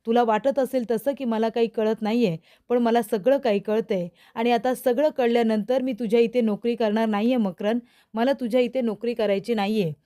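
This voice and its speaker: An angry young woman demanding answers from a man, as a woman narrator reads her part. The pitch sits a little high and the questions press hard. It is a spoken recap of a TV serial. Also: fairly even intonation, normal speed, warm tone, natural voice. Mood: confronting.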